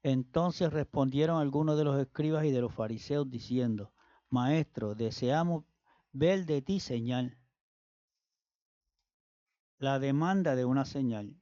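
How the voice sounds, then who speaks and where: A man reading Bible passages aloud in a steady, measured way. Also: mid-range voice, no echo, lo-fi sound. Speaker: scripture reader.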